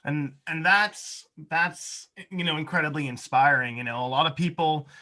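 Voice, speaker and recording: A man's voice: a little high, moderate pace, bright, forceful tone. A man from Maine hosting a show, interviewing a guest in an easygoing, chatty way. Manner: easygoing, chatty, many fillers. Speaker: radio show host. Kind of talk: casual interview.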